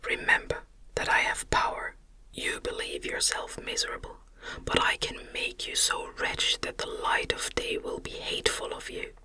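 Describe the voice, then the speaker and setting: Voicing a wretched, vengeful male gothic monster, a narrator whispers in a smothered, breathy ASMR style, with archaic, grandiose, menacing phrasing. The pace is normal and the voice is close to an everyday one, while the mood stays commanding and threatening.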